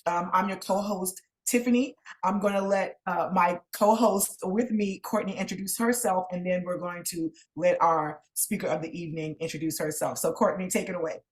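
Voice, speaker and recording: Chatty woman co-host, lowish voice. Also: fairly even intonation, normal speed, hardly any pauses, rough recording. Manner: chatty, friendly, talkative. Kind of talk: webinar hosting. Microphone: video call.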